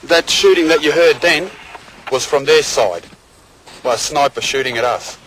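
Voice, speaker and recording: A man from Australia, speaking bluntly and excitedly as a volunteer soldier in a frontline field interview outdoors. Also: on the high side, normal speed, low-quality recording. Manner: blunt, excited, switching mid-sentence. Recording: archive field recording with crowd noise.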